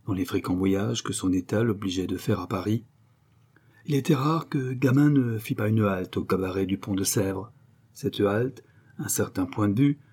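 A man narrating a classic novel aloud in a measured, even storytelling manner. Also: on the low side, slightly rough. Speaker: audiobook reader.

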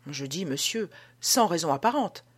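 A woman reading an audiobook as an old male prison guard telling an uncanny tale, with a dramatic, hushed delivery. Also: fairly low pitch, lively intonation, moderate pace, husky. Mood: spooked. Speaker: audiobook reader.

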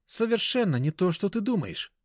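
A man's voice: on the high side, sing-song, fairly quick, a little mellow, slightly rough, no room sound, studio quality, voice pushed up, heavily acted. A man voicing a young woman who pleads through tears. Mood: defensive. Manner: pleading, teary. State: crying.

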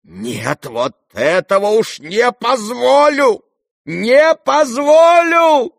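A man voicing an indignant, hot-tempered middle-aged noblewoman in an audiobook, shrill and outraged. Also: sing-song, drawn-out words, gravelly, fairly bright tone, no room sound, clean studio sound, exaggerated voice.

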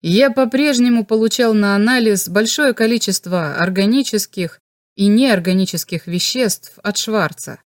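A woman reads a novel aloud in an even, measured narrating voice. Her pitch sits in an ordinary middle range, and the sound is dry and close with no room around it. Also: no room sound. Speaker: audiobook narrator. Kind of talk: scripted audiobook narration.

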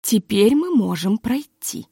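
A woman voicing a gracious, hurried society hostess who speaks quietly and politely, read as an audiobook. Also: on the high side, big pitch swings, gravelly, husky, no echo, studio quality, heavily acted.

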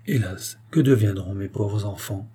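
Brief: man reading a despairing queen in an audiobook, sorrowful, husky tone. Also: fairly low pitch, unhurried, mellow. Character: grieving, fearful queen, proud yet despairing.

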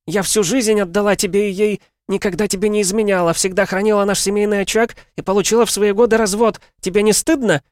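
A man doing a shrill furious wife. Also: fairly even intonation, fast, hardly any pauses, no echo, studio quality, lightly acted. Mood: pathetic. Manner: shouting, high-pitched and shrill. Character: furious middle-aged wife, shrill and accusing. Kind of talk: audiobook narration.

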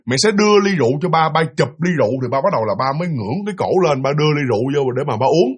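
Male storyteller, animated and chatty, slightly higher voice with a husky edge. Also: rapid-fire. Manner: animated, repetitive, conversational. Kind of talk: casual spoken ghost story.

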